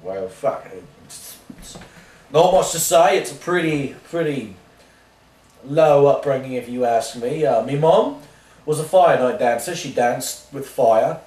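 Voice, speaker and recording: A man playing an oblivious washed-up rock singer in a mock interview, rambling deadpan through absurd tangents. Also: medium pitch, a little slow, natural voice. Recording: roomy sound from a distant mic.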